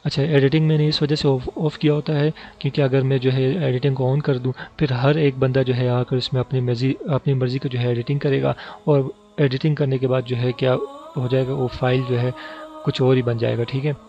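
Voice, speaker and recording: A man's voice: mid-range voice, level tone, fairly quick. A man hosting a tutorial channel, patiently walking through each step and checking in with "theek hai" as he goes. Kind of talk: screen-recorded how-to tutorial. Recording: slightly dull lo-fi voice-over with faint music.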